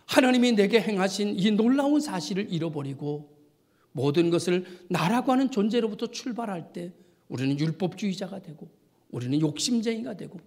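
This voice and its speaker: A male pastor giving a sermon, preaching with passion and swinging from hushed whispers to near shouts. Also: high-pitched. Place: church sanctuary.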